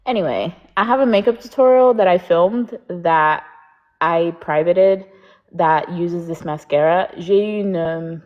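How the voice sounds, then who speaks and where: A woman's voice: lowish voice, slow. A young woman hosting a live stream, chatting casually and switching between French and English. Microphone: laptop or phone on a live stream. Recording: dull lo-fi stream audio.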